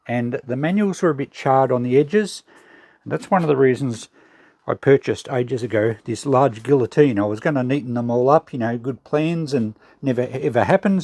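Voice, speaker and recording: An Australian vlog host gives a casual narrated walkthrough of a shed clean-out, musing and thinking aloud as he goes. His voice is mid-range and a little mellow, with no room sound.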